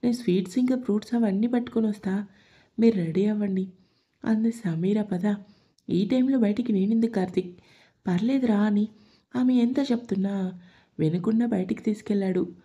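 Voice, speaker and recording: A woman's voice: medium pitch, moderate pace, long pauses, warm tone, husky, lo-fi sound. A woman narrating a family drama story, reading every character's lines in her own voice.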